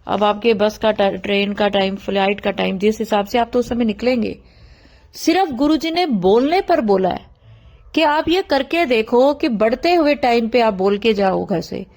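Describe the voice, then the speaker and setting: A middle-aged woman from India giving a devotional satsang talk, explaining patiently and speaking straight to her listeners. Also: a little high. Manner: explanatory, addresses listeners directly.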